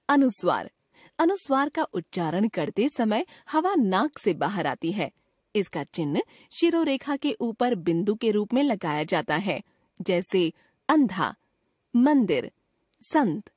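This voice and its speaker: A woman teacher reading a grammar lesson aloud in a measured, dictating way, listing examples one at a time. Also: a little high, darkish tone, dry recording, clean studio sound.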